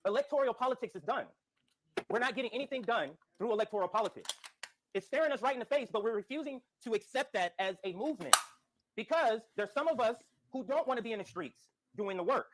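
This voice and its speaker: Man, sped-up chipmunk-like playback, emphatic, repeats phrases, call-in show clip, fast. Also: very high-pitched, animated, noisy background. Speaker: political call-in show guest. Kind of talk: impassioned political argument.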